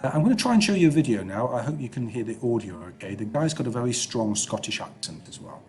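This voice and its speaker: A man's voice: medium pitch, very animated, fast talker, a little mellow. A man teaching an informal recorded science lesson over slides in an explanatory manner, often checking with okay and yeah.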